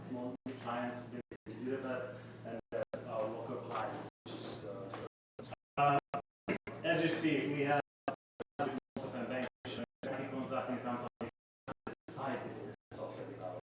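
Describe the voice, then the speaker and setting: Hungarian man, accented founder pitch, distant mic, room noise behind. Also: steady tone. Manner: halting, self-deprecating, with filler restarts. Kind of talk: live pitch presentation. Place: event space at a tech meetup. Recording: echoey room, mic far off, noisy.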